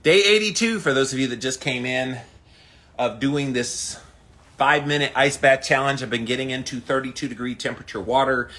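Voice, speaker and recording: Hosting his daily ice bath challenge livestream, this man speaks at a medium pitch and a little fast, his tone bright and forceful. He chats casually with viewers, calling them by name in a punchy, emphatic way.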